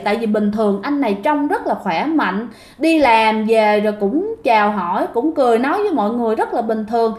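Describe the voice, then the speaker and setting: A woman tells a ghost story in a chatty, direct way. Her voice sits high. The recording has a roomy echo. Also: a little mellow. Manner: chatty, addresses listeners directly. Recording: echoey room.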